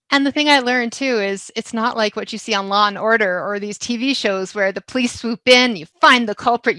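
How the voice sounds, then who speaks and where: A woman's voice: mid-range voice, pushed and bright, no room sound, clean studio sound. A woman giving a candid, emotional talk that tells a hard personal story. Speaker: speaker.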